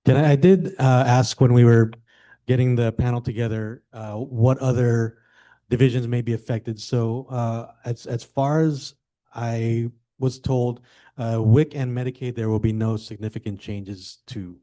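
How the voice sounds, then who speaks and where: A man's voice: mid-range voice, fairly even intonation, a little slow, mellow. A man moderating a panel, speaking hesitantly with many fillers.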